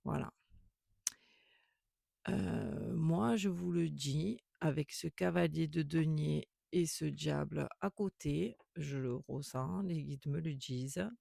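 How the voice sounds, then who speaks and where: A man's voice: fairly high pitch, gravelly, warm tone, slightly rough, no room sound, clean studio sound. A man giving a tarot reading to a viewer, reassuring and repetitive, with many fillers and restarts. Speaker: tarot reader.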